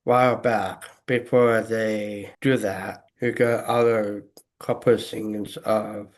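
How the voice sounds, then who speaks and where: A man chatting casually about a movie, speaking in halting, broken phrases with many fillers. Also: on the low side, level tone. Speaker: co-host. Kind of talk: casual movie review chat.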